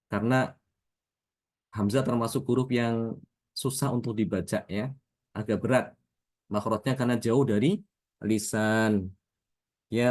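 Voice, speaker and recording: A man teaching Quran recitation rules in a patient lesson, often drawing out example words slowly and checking in with his listeners. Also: lowish voice, darkish tone. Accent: Indonesian.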